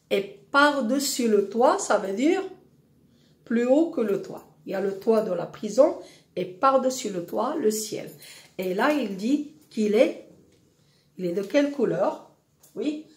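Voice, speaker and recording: Woman teacher, slow and patient, explaining a poem, roomy echoey room. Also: a little high, a little mellow. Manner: patient, asks the class questions then answers them. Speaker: French teacher.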